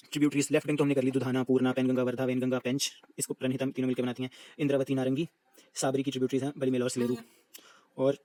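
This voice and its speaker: A man runs through an exam-prep lesson at a quick clip, reciting lists over and over. His voice is mellow and unforced, with a middling pitch. The sound is close and dry, with no room echo. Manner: brisk, repetitive recitation of lists. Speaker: teacher.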